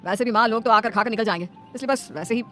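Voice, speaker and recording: A woman's voice: a little high, racing, fairly bright tone, faint music behind, close to an everyday voice. A woman voicing a casual, easygoing young adult son in a cartoon story, talking in an offhand way.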